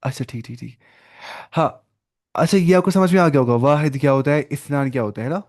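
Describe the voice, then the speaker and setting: A man teaching an online Arabic class, patiently repeating each word slowly for his student over a video call. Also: a little high, a little mellow.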